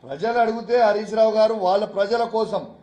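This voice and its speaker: A man's voice: high voice, a little fast, warm tone. Angry man at an echoey press conference. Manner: angry, insulting, repetitive rhetorical questions. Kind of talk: heated press conference speech.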